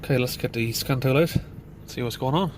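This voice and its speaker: Inside a van, a middle-aged mechanic thinks aloud through a casual diagnosis, his voice congested from hay fever. He talks plainly and fairly quickly with fillers, at a medium pitch, against a noisy background.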